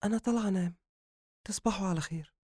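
A man voicing a soft worried young woman with an Egyptian accent. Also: very high voice, fast talker, no room sound, clean studio sound, voice pushed up.

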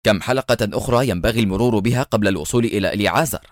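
A man voicing a calm, sarcastic male secret agent hero in an audiobook thriller. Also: lowish voice, rapid-fire, no echo, clean studio sound, close to an everyday voice. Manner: cool and sarcastic.

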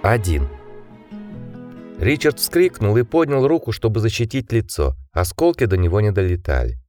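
A man narrating an audiobook in an expressive reading style. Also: lowish voice, normal speed, soft background music. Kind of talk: scripted narration.

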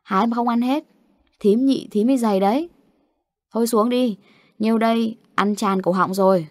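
A woman's voice: on the high side, moderate pace, darkish tone, dry recording, lightly acted. Story voice: blunt, teasing young woman, voiced by the female narrator, dry close mic.

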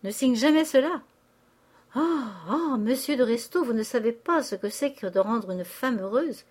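A woman's voice: fairly high pitch, expressive, normal speed, darkish tone, breathy edge. A woman reading aloud, voicing a grief-stricken old father who erupts in anguished rage. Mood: pleading. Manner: anguished outbursts of rage and despair. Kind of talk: audiobook character reading.

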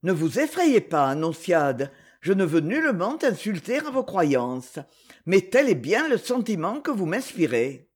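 Guy reading as a cocky rich young charmer, husky, haughty, swings up and down a lot. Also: high voice, sing-song, unhurried, full character voice. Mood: insistent. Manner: ironic, haughty, insistent.

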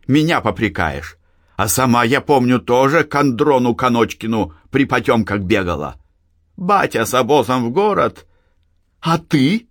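A man voicing a defiant young peasant woman who answers back with sharp, mocking retorts. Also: medium pitch, very animated, a little slow, dry recording, clean studio sound, pitched above the performer's own voice. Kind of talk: audiobook reading.

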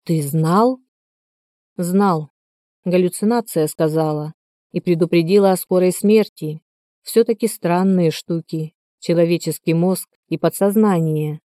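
A woman's voice: fairly low pitch, measured pace, mellow, dry recording, close to an everyday voice. Woman reading a dry, skeptical man.

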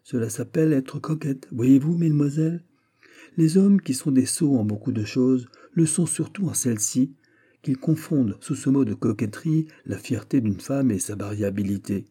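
A man's voice: mid-range voice, moderate pace, dark tone, husky, close to an everyday voice. A man voicing a haughty, disdainful young woman at court in an audiobook. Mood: lofty. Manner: disdainful, lofty.

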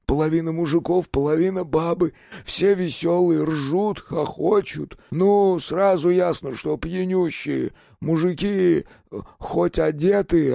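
A cowering drunk peasant witness, put on by a male audiobook narrator, pitched high with a crackly, gravelly edge. His tone is dark and mellow, and the dry recording keeps him close. He talks in rough, folksy common speech. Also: no echo, exaggerated voice. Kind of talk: audiobook character voice.

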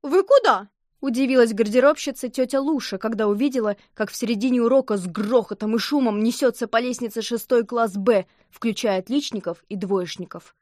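Lively woman reading an audiobook. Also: fairly high pitch, brisk, dry recording, clean studio sound. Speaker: narrator. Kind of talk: audiobook narration of a children's novel.

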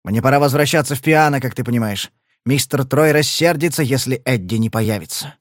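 A man doing a gruff, menacing brawler. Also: medium pitch, fairly quick, no echo, clean studio sound, natural voice. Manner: growling, blunt. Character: thuggish, scarred male brawler, blunt and menacing.

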